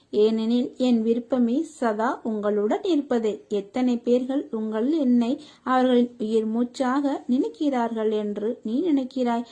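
A woman reading a scripted devotional message in a slow, soothing way, speaking as a deity who reassures a devotee. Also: a little high, mellow.

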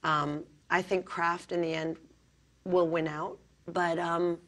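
A hoarse actress being interviewed, talking earnestly and animatedly, with frequent ums as she tells her stories. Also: on the low side, level tone, takes it slowly, fairly bright tone. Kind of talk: casual interview talk.

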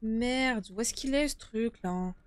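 Higher-voiced young woman streaming. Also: measured pace, dry recording. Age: young adult. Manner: informal, chatty, swearing. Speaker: game streamer. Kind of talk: casual live horror-game commentary. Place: small indoor streaming room. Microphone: close desktop streaming microphone.

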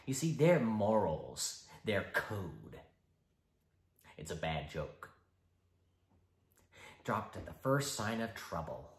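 A man impersonating a film's taunting, unhinged criminal clown villain, mocking, with deliberate pauses and sudden high swoops. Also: a bit bright, exaggerated voice. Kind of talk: film character impersonation. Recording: roomy echo.

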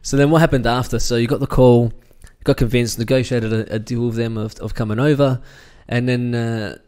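A man's voice: mid-range voice, steady tone, brisk, a little mellow, smooth. An Australian man hosting a casual interview chat, friendly and chatty with lots of agreeing yeahs. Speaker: host.

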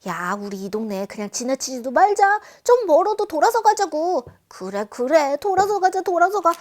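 A woman's voice: very high-pitched, sing-song, moderate pace, darkish tone. A woman playing a huffy, sneering traveler. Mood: scornful. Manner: exaggerated, huffy and disdainful. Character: scornful grown-up traveler sneering at a town. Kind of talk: children's sermon storytelling.

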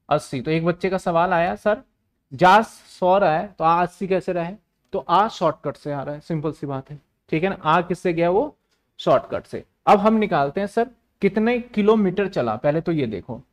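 Speaking at normal speed in a high, animated voice, a man lectures on commerce for an online classroom. He's repetitive, frequently asking and then answering his own questions.

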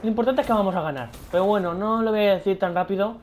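A young man with a Spanish accent from Spain, commenting excitedly on a shooter game he is playing, swearing often and talking to his viewers. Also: high voice, fast talker, a little hiss or hum. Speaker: gaming youtuber. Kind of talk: gameplay commentary. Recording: loud game gunfire behind.

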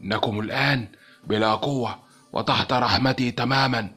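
A man's voice: medium pitch, moderate pace, pushed and bright, breathy edge. A man putting on a cold sneering alien emperor. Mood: cold mocking.

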